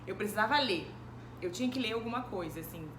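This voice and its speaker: Animated and quick, a Brazilian woman in her 20s with a medium-pitched voice responds thoughtfully in a casual recorded interview, though she often hesitates with fillers. The recording carries room echo and background noise.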